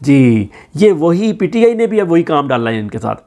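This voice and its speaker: A man's voice: fairly high pitch, sing-song, normal speed, mellow. A man with a Pakistani Urdu accent giving sarcastic political news commentary, hosting his own channel. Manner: sarcastic, mocking.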